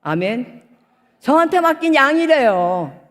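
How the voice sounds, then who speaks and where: A woman pastor in her sixties giving an animated testimony sermon, acting out the voices in her story and rising to emotional outbursts. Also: high-pitched, slow. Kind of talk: testimony sermon at a prayer retreat. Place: prayer retreat hall. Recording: long reverb of a large hall.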